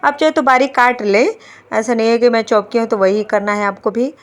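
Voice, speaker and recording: A woman's voice: on the high side, fairly even intonation, fairly quick. A woman in her thirties narrating her home vlog in a chatty, homely way, talking to viewers as friends. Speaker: vlogger, homemaker. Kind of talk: casual voice-over home vlog.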